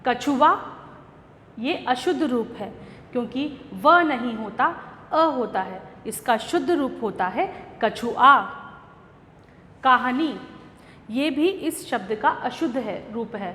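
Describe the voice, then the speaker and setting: A woman teacher, giving a grammar lesson to young children in a slow, patient way. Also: a little high, lively intonation, fairly bright tone, reverberant, in a large hall, slight background noise. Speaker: school teacher.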